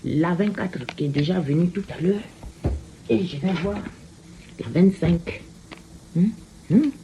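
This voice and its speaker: A woman giving a casual card reading, slow and repetitive, often tagging her phrases with a questioning "hein?". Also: on the low side, noisy background. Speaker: card reader.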